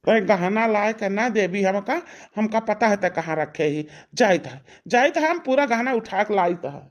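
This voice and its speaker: A woman with an animated mid-range voice, at a moderate pace and lightly acted, voices an angry, bullying village husband in a cartoon. She uses an Awadhi accent and sounds curt and threatening in this melodramatic dialogue.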